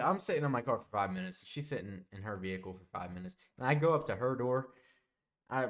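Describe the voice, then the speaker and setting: A young man telling a casual storytime monologue, rambling and backtracking, often dropping into quieter asides. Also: fairly low pitch. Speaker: vlogger.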